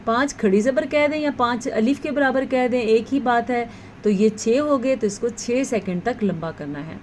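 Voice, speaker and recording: A woman's voice: on the high side, a little mellow, a little hiss or hum. Patient woman teaching tajweed recitation. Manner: explains rules patiently, then recites words slowly and drawn out. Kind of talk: tajweed lesson with slow recitation.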